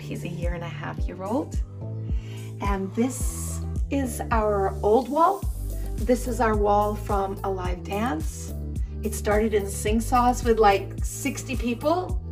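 A Canadian woman in her forties speaks in a mid-range voice in an echoey room. Appearing as a guest, she earnestly presents her family and her vision over a home video.

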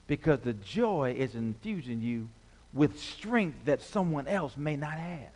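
A man's voice: medium pitch, lively intonation, measured pace, a little mellow. A man preaching a sermon as pastor, leading the congregation in call-and-response with repeated phrases and rising emphatic passages. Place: church sanctuary. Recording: long hall reverb.

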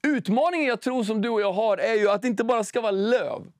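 A man preaching a sermon, praying and telling a personal story in a relaxed, conversational way, slowing down to read scripture. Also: high voice, no echo, clean studio sound. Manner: conversational, storytelling, slow and emphatic when reading scripture.

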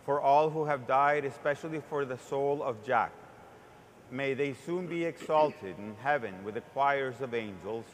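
A man speaking as a priest at Mass, reciting liturgical prayers in a measured, formal way with a cathedral-like echo. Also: mid-range voice. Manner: measured, formal delivery in short phrases. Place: large reverberant church. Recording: cathedral-like echo, long church reverb, background noise.

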